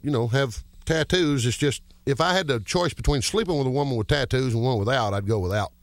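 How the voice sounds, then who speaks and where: A man's voice: mid-range voice, a little fast, echoey room. A man from Georgia with a Southern accent, a comedian telling self-mocking hillbilly jokes and laughing through his punchlines. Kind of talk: stand-up comedy and radio interview.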